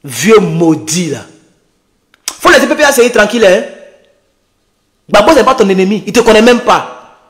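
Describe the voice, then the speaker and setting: An online political activist with an Ivorian French accent rants into his phone on a late-night livestream, taunting and scornful. He speaks briskly in a high-pitched, somewhat bright voice, pausing often.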